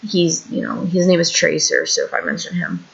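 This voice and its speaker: Speaking from her couch at home, a woman of about thirty from Illinois rambles through a candid vlog rant about her troubles, frustrated and self-deprecating. Her lowish voice is gravelly and husky, very animated at a normal speed, and the sound is lo-fi.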